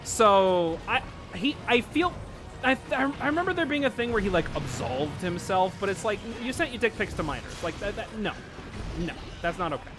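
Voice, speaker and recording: A man hosting a casual gaming chat while playing, animated and rambling, laughing often. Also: high-pitched, moderate pace. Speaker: gaming channel host. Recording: faint game music behind.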